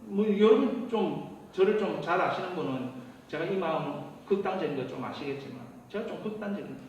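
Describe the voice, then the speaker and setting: A high, lively male voice, preaching in a loose, chatty way that swings between loud bursts and quiet asides. His words ring through a long church reverb, picked up from some distance. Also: a little fast, muffled recording, slight background noise. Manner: animated, conversational preaching with laughs and asides. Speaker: pastor. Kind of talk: sermon. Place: church sanctuary.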